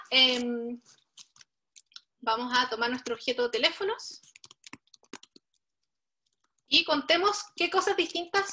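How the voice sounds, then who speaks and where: High, bright woman teaching code. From Chile. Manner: patient, explains step by step and addresses the learners directly. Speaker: workshop instructor. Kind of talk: live online coding tutorial.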